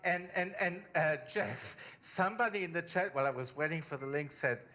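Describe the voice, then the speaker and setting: A man's voice: fairly high pitch, a little fast, bright, forceful tone, dull audio. Rambling man on a live stream. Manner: rambling, stumbling, repeats words. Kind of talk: casual live stream chat.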